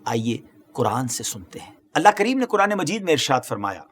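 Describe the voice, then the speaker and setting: A man's voice: fairly high pitch, sing-song, husky. Dramatic middle-aged male religious storyteller. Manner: mixes English words into Urdu, rhetorical questions to viewers.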